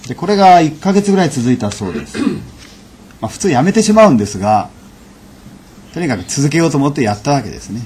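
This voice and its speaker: A man giving a lecture and telling an anecdote in a measured, unhurried way, with frequent fillers. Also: fairly high pitch, sing-song, darkish tone, a little hiss or hum. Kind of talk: storytelling lecture.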